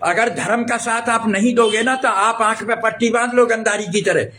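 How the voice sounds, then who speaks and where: A man's voice: very high voice, normal speed, bright, forceful tone. A man speaking live to his viewers, pleading and preaching with fervour, repeating himself often. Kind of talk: impassioned live appeal.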